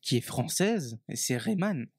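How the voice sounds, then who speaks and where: Male guest in his twenties, mid-pitched, eager but halting speech. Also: slightly rough, no echo, studio quality. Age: 20s. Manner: lively, stumbles and repeats words. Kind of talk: casual chat on radio.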